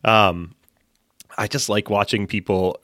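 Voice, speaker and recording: Low-voiced man chatting casually as a guest. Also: takes it slowly, dry recording, clean studio sound. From central Massachusetts. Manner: relaxed, chatty, with frequent fillers and restarts. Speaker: podcast guest. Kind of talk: casual interview chat. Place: home basement.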